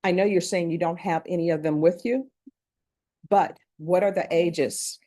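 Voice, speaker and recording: Courtroom recording: a woman judge with a mellow, dark voice and a brisk, formal delivery. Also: lowish voice, steady tone. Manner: brisk, formal, reads set questions. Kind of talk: formal plea admonishments.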